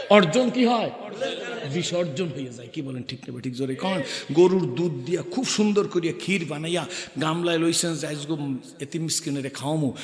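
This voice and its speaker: A man with a higher-pitched voice delivers a fiery Islamic waz sermon to a large outdoor gathering, his words echoing through loudspeakers with long reverb. He urges the crowd to answer loudly and sings couplets.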